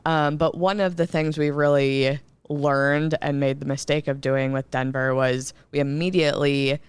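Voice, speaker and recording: Soft-spoken young woman co-host. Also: level tone, normal speed, smooth, no room sound. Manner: soft-spoken, low projection. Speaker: podcast co-host. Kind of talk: casual chat.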